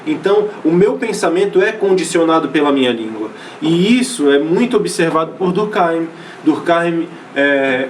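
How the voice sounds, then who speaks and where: This low-quality recording of an online class catches a Brazilian man's somewhat high voice from a distant mic, with a bit of hiss or hum. Teaching sociology in a casual way with a Brazilian Portuguese accent, he keeps restarting phrases, fills pauses, and asks whether his students are following.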